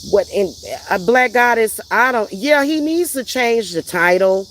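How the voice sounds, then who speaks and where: A woman's voice: fairly high pitch, expressive, measured pace, fairly bright tone, a little hiss or hum. A woman vlogger ranting in a heated, emphatic, profane way, repeating herself for emphasis. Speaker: vlogger and spiritual reader. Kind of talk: heated personal rant.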